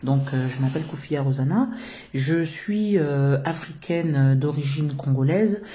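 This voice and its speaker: A woman's voice: deep voice, unhurried, mellow. A middle-aged woman from France answers interview questions about her work, earnest and hesitant, with many filler sounds. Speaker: founder of a social work business.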